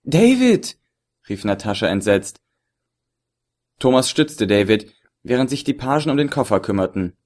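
A man reading a novel aloud in measured, scripted narration. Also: on the low side. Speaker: audiobook narrator.

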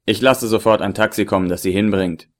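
A man reading an audiobook voices a polite, eager male hotel manager in a lower voice. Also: steady tone, a little fast, natural voice. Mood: courteous. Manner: courteous, eager.

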